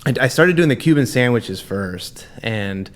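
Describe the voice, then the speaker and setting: A man's voice: medium pitch, unhurried. Easygoing man from Texas, guest chef. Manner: relaxed, laughs often, lots of fillers. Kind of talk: casual podcast chat.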